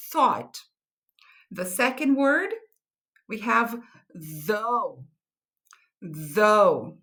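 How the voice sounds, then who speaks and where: A bright, fairly high-voiced young woman from Brazil runs an online English lesson. She talks patiently and clearly, drilling words slowly and checking in with quick little questions as she goes. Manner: checks in often with short tag questions. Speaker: English teacher.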